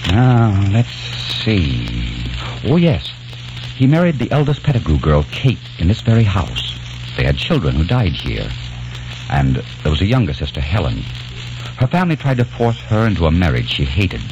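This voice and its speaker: Narrating earnestly as a young American fixated on the past, this male actor from a vintage 1940s radio drama sounds very animated. His voice sits low and moves at normal speed. Noise fills the background of the dull, old recording.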